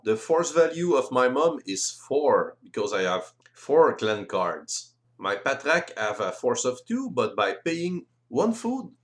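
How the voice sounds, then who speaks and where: This medium-pitched voice-over comes from a French-native man walking through game rules in careful, halting non-native English.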